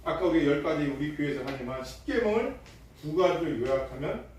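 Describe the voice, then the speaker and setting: A middle-aged man preaching a sermon as pastor, emphatic and full of rhetorical questions, moving from loud bursts to hushed tones. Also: fairly high pitch, fairly quick. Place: church sanctuary. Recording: echoey hall, distant mic, faint noise.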